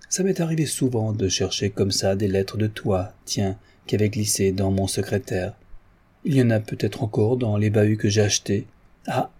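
A man's voice: fairly low pitch, dark tone, breathy edge. A man voicing a playful, chatty young woman. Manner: teasing, flighty chatter.

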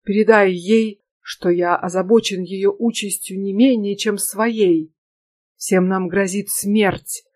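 A woman's voice: mid-range voice, fairly even intonation, slow pace, a little mellow. A woman reading the lines of a defiant, reckless young man who stays flippant in danger. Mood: grave. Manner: flippant, cheerful.

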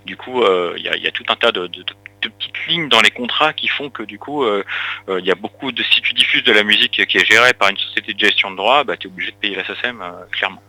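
A man's voice: on the low side, quick pace, bright, forceful tone, no room sound, low-quality recording. A man interviewed on radio as an association president, explaining at length with many hesitations and restarts.

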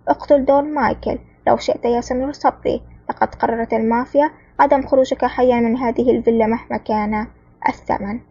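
A woman's voice: a little high, fairly even intonation, fast, mellow, breathy edge, no echo, highs cut off. Woman playing a sly mafia lieutenant. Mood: mocking. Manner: sneering, later panicked. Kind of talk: audiobook character reading.

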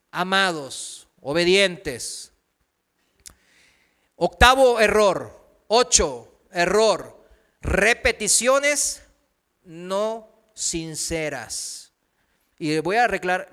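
A man preaching a sermon, moving between loud emphatic passages and soft, quick storytelling with laughter. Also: high-pitched. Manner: swings from loud emphatic preaching to soft anecdotes, laughs while telling stories.

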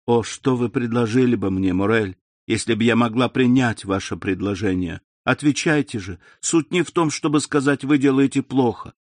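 A man's voice: mid-range voice, normal speed, few pauses, no echo, natural voice. A man voicing a young woman torn by family duty, pleading in a raised voice.

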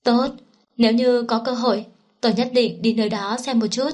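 A woman reading the lines of a timid young woman who speaks softly and hesitantly, in an audiobook. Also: a little high, fairly even intonation, normal speed, natural voice. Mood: wistful. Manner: soft and hesitant.

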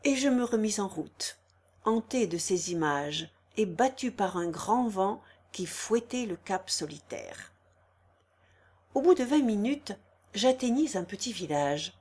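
A woman reading a literary story aloud as an audiobook narrator, in a slow, measured way. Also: mid-range voice, lively intonation, darkish tone, slightly rough.

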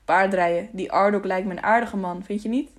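A woman's voice: medium pitch, fairly even intonation, a little fast, natural voice. A woman reading the lines of a curious, eager young male traveler in an audiobook. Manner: eager, wondering.

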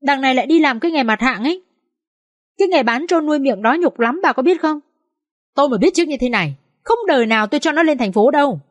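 A woman's voice: high-pitched, animated, quick pace, no room sound, pitched above the performer's own voice. Woman doing a furious scolding father. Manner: shouting, scolding, harsh insults. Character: furious rural father, middle-aged man.

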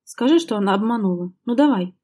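A heated, jealous young wife snaps out accusations, her voice climbing and sharpening as she presses her husband, voiced by a woman reading an audiobook. The tone stays mellow and warm underneath, even at full volume. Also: mid-range voice, fast, slightly rough. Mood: accusing. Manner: reproachful, sharp, raised voice.

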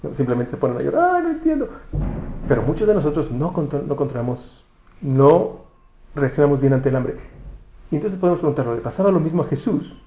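A man's voice: medium pitch, quick pace, dark tone, echoey room, low-quality recording. A man preaching a conversational sermon, often restarting words and asking rhetorical questions. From Mexico. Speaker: pastor.

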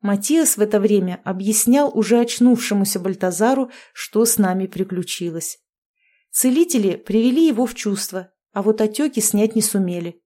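A woman's voice: mid-range voice, normal speed, warm tone. A woman reading a first-person fantasy novel aloud as an audiobook narrator, telling it expressively.

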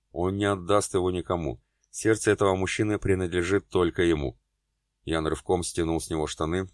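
A man narrating an audiobook with a very low voice. He reads steadily and dramatically through narration and dialogue alike. The recording is dry and close, with no room sound. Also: no echo. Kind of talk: scripted narration.

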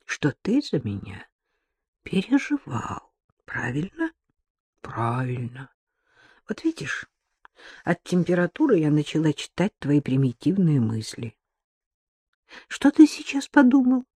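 A hoarse young woman with a sore throat, as a male audiobook reader puts her on, talking quietly in a breathy half-whisper. She is dry and teasing, grumbling back at the man beside her. The sound is close and dry. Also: a little high, huge pitch swings, unhurried, pauses often, dry recording, heavily acted.

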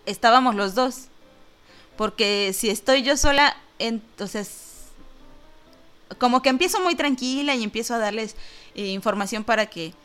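A woman's voice: a little high, animated, normal speed, pauses often, a bit bright, smooth, faint music behind. A woman with a Mexican accent hosting an online talk show, chatting casually and jokingly as she reads out listener comments. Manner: chatty and joking, lots of fillers and laughter.

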